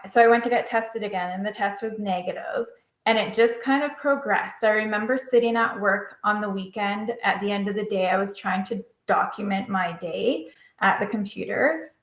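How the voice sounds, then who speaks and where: A woman in her thirties from Canada, telling of a long illness in an interview with halting, hesitant speech. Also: medium pitch, echoey room, rough recording. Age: 30s.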